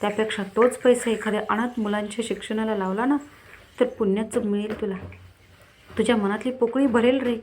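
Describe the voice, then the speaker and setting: A woman's voice: on the high side, fairly even intonation, brisk, slight background noise, natural voice. Woman voicing a persuasive old friend from the village. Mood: encouraging. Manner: warm, persuasive advice. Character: cheerful village friend, a man.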